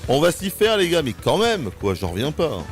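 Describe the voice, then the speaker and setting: A man streaming a game live, ranting in exasperation with swearing and sudden high-pitched outbursts. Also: sing-song, normal speed, soft background music. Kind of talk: live gaming stream commentary.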